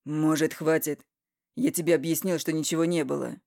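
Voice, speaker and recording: Woman voicing a gruff, gravelly irritated husband. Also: deep voice, steady tone, moderate pace, dry recording, clean studio sound. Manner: gruff, loud, curt retorts. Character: irritated middle-aged husband, blunt and stubborn. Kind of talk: audiobook character voicing.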